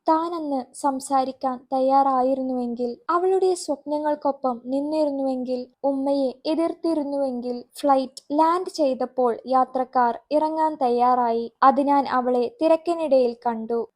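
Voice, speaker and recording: A woman storyteller reading a scripted story in an even, steady way. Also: high-pitched.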